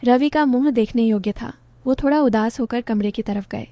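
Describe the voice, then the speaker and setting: Higher-pitched, mellow woman storyteller. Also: normal speed, no room sound. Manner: steady, even storytelling. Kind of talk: first-person scripted story narration.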